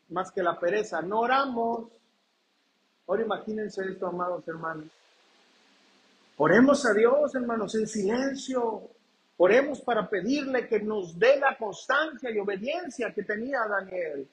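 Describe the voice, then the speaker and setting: A man preaching a sermon, asking the congregation questions and reading scripture slowly. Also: sits high, low-quality recording. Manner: reads scripture aloud slowly and deliberately. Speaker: pastor.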